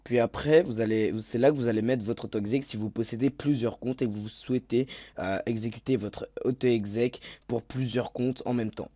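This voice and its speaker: A man's voice: mid-range voice, steady tone, moderate pace, hardly any pauses, dark tone, no room sound. A man giving a casual video game tutorial voice-over, hesitant, with many fillers and self-corrections. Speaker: gaming tutorial YouTuber.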